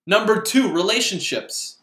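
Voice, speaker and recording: A middle-aged man hosts his own motivational show, talking in a loose, rambling way with lots of fillers and restarts. His voice sits high and sounds bright and clear. The recording has a noticeable echo, as if made in a bare room. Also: animated, measured pace. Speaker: podcast host. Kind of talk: casual motivational monologue. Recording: echoey room.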